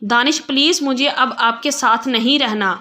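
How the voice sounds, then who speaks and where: A heartbroken young wife pleads tearfully, as a woman narrator reads her part. Her voice is bright and fairly high. The story is read aloud. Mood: tearful pleading.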